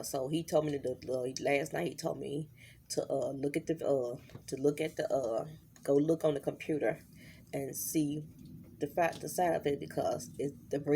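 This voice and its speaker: Middle-aged woman, raspy low fry, anxious and halting diary vlog; faint noise. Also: steady tone, warm tone. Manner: halting, many fillers and restarts. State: worried, holding back tears. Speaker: vlogger.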